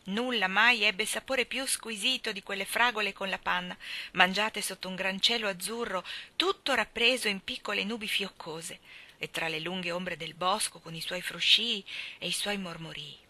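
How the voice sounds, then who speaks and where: Bright-voiced woman reading a storybook aloud. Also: medium pitch, moderate pace. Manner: expressive, lightly voicing each character. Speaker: audiobook reader. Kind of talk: storybook narration with character voices.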